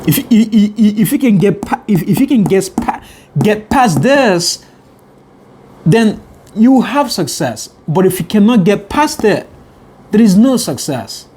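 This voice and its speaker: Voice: mid-range voice, very animated, measured pace, a little mellow, slight background noise. Earnest motivational vlogger, repeating himself. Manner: earnest, repeats and restarts phrases often.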